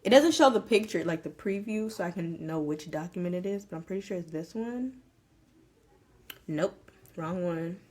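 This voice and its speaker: A woman's voice: medium pitch, animated, fairly quick, hardly any pauses, darkish tone. A young woman casually explaining a do-it-yourself craft project at home, talking to viewers in a chatty way with lots of fillers. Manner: chatty, filler-heavy, addresses viewers as y'all and you guys. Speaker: small business owner. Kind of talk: casual tutorial vlog. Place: home room.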